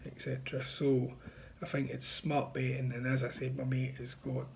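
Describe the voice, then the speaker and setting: A man's voice: medium pitch, completely flat delivery, moderate pace, vocal fry, darkish tone, a little hiss or hum. A man in his thirties giving casual, confident betting tips to camera from a small room, recorded on a phone. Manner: confident, chatty, pushing bets. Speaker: betting tipster. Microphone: phone front camera at arm's length.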